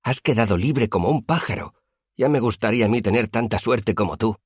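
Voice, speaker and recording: A man voicing an earnest young male student who speaks bluntly and heatedly in an audiobook, with a husky voice. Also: fairly low pitch, lively intonation, brisk, no echo, clean studio sound, pitched above the performer's own voice. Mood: grumbling. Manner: heated, complaining.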